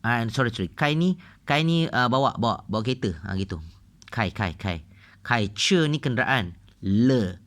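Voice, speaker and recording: A man's voice: medium pitch, lively intonation, moderate pace, a bit bright. A man with a Malaysian accent tutoring a beginner language lesson, repeating each phrase several times and switching between languages as he explains. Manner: drills phrases by repeating them, mixes languages. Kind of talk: casual lesson walkthrough.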